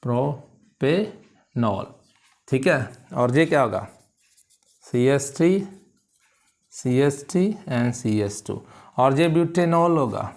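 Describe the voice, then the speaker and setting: A male chemistry teacher giving a classroom lecture. He keeps asking whether students follow and repeats key terms slowly so they can write them down. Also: mid-range voice, animated. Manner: checks understanding with repeated questions; calls students "beta" warmly.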